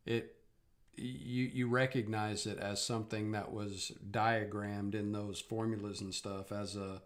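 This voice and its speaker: A man working as game master, narrating a tabletop game off the cuff and halting as he gropes for words. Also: lowish voice.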